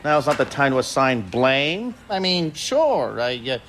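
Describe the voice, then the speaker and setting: A man's voice: medium pitch, very animated, a little slow, fairly bright tone, faint music behind. A man voicing a sly, mocking ventriloquist-dummy puppet in a comedy series. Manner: sly, needling. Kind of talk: sitcom puppet acting.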